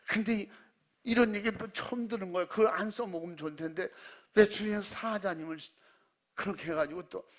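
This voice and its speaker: A male pastor delivers a Wednesday evening sermon in church. His voice sits fairly high and has a gravelly edge. He tells folksy, humorous stories and acts out his members' prayers in hushed tones.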